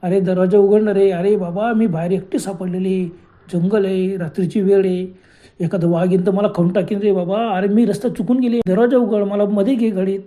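A man's voice: sits high, steady tone, a little fast, mellow, natural voice. A man voicing a female forest ghost who begs to be let inside, whining and repeating her pleas. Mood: pleading. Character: pleading female forest ghost, lost and crying.

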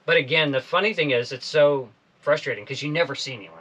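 Bright-voiced man hosting a sailing chat. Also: fairly high pitch, fast, breathy edge, poor audio. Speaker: podcast host. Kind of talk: casual interview chat. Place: small boat cabin, indoors.

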